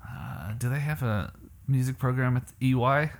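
A man's voice: medium pitch, moderate pace. A man from Canada hosting a casual podcast interview, rambling through self-mocking asides. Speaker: podcast host.

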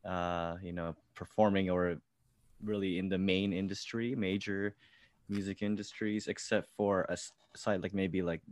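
A songwriter and musician, born in the Philippines and raised in California, gives casual interview answers full of fillers and restarts. His voice sits low with a flat delivery at a moderate pace. The studio recording is clean, with no room sound.

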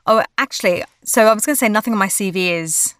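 An Australian actress and voiceover artist chats as a guest in a casual interview, laughing often and restarting her sentences. Her voice is medium-pitched, quick, fairly bright and clean, recorded with studio quality and no echo.

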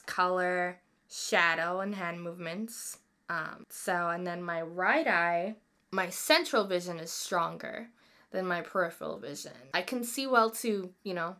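A woman's voice: mid-range voice, pushed and bright. A woman in her twenties co-hosting a podcast, chatting casually and rambling, often correcting herself mid-sentence. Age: 20s. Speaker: podcast co-host. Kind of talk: casual personal chat.

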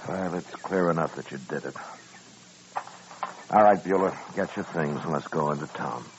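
Commanding frontier marshal, deep voice, terse, steady, vintage radio western, dull recording. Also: male voice, normal speed, noisy background. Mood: weary, steady. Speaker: lead character and narrator. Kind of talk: old-time radio western acting and narration.

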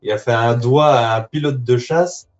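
A man's voice: medium pitch, moderate pace. A man calling in over the phone to co-host a live web-radio guessing game, hesitant and thinking aloud with many fillers, his phone lying on his lap. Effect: heard over a phone line. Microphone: phone lying on his lap, away from his mouth. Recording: dull lo-fi phone line with faint music.

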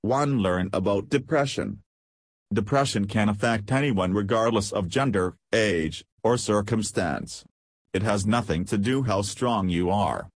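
A man reading scripted advice as a steady, numbered list. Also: fairly low pitch, unhurried, breathy edge, no echo. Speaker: narrator. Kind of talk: scripted narration.

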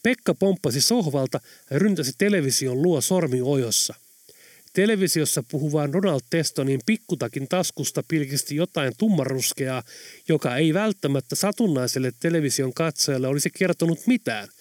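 Guy reading an audiobook, lively pitch, dry close sound. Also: no echo. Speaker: audiobook narrator. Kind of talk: scripted narration.

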